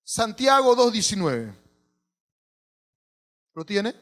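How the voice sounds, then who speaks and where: A man's voice: sits high, sing-song, slow pace, fairly bright tone. A male pastor, preaching a sermon and putting questions to the congregation.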